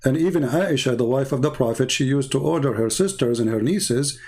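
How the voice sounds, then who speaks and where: A man's voice: medium pitch, a little fast, a little mellow, breathy edge. A man hosting a heated live debate, combative and mocking, talking over his opponents. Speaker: debate host.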